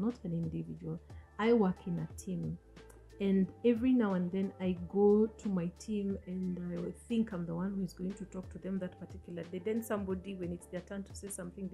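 Her voice is on the low side and warm: a woman in her forties from Africa, a native speaker of an African language rather than English, hosts a motivational talk. She coaches earnestly and puts questions to the listener, sitting on a sofa in a small indoor room before a studio mic on a stand.

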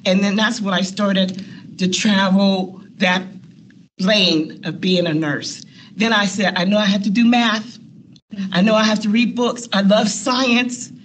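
A woman's voice: mid-range voice, fairly even intonation, measured pace, slight background noise. A woman, a nurse educator, telling personal stories on a panel, laughing often and acting out quotes. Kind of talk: personal storytelling. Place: meeting room, seated at a long table.

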